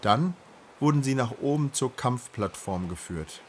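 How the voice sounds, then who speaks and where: Male audiobook reader, mid pitch, steady storybook narration. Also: unhurried, slight background noise. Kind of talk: reading a children's book aloud.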